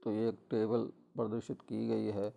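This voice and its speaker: A middle-aged male lecturer walks through a chemistry lesson in a measured, explanatory way, often pausing on fillers and correcting himself. His voice sits low and carries a gravelly fry, with a dark, mellow tone. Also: completely flat delivery. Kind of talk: recorded college lecture.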